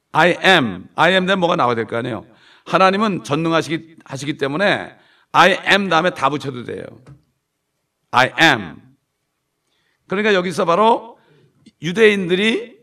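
A man's voice: fairly high pitch, pushed and bright. A man preaching a sermon with emphasis. He stretches out repeated phrases and drops to a mutter at the ends of lines. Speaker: pastor. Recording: distant gravelly room recording.

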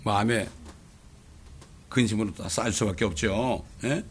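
A middle-aged male pastor preaching a sermon, animated, often tossing "eh?" to the congregation. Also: lowish voice, moderate pace, a little hiss or hum. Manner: animated, rhetorical questions, frequent "eh?" asides.

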